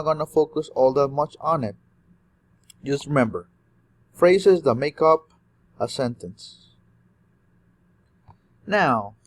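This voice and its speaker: A young man with a voice a touch higher than most men's talks through a course review for an upcoming exam. He explains each point in order, pausing to act out short example phrases the way they would be said. The delivery is that of a student presenting to classmates. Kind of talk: spoken exam review lesson.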